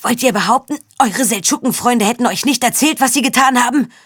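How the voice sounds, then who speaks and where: A woman voicing a furious young man held down, gasping and shouting his accusations. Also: on the high side, brisk, husky, no room sound, clean studio sound, voice pushed up. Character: furious young male outcast pinned to the ground.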